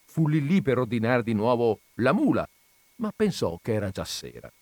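A man narrating a literary story in an expressive reading voice. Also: medium pitch, normal speed, no room sound. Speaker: reader.

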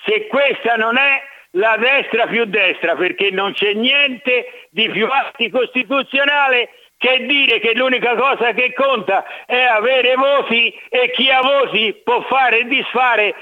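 High-voiced man arguing over a phone line. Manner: heated, argumentative. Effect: over a landline phone. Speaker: radio call-in caller. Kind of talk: phone-in talk radio. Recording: narrow tinny phone line.

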